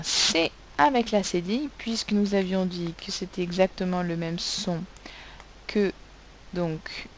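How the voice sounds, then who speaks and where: Woman teacher, unhurried, lowish voice, spells out each sound for children, faint hiss behind. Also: low-quality recording. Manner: slow and patient, spelling words out sound by sound. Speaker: primary school teacher. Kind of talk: recorded spelling lesson for children.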